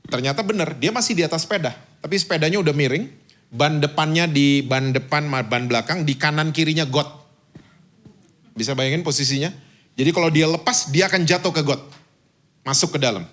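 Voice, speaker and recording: A man in his fifties, a pastor preaching a sermon. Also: mid-range voice. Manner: lively storytelling, mixes in English phrases. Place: church stage.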